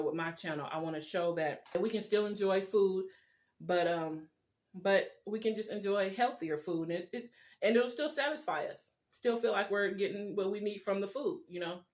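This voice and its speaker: A casual, confiding vlogger with a mid-pitched voice talks while chewing. The delivery rambles in an informal way, as if sharing a meal with viewers, with words formed around mouthfuls of food. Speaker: video blogger. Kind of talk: casual chat while eating, mukbang style.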